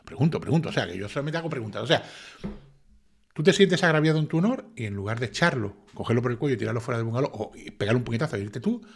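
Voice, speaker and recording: Brief: quick, sarcastic male commentator reading out a document and picking it apart, mid-pitched, indignant rhetorical questions. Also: lively intonation, creaky, breathy edge. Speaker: YouTube commentator. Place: home desk with computer.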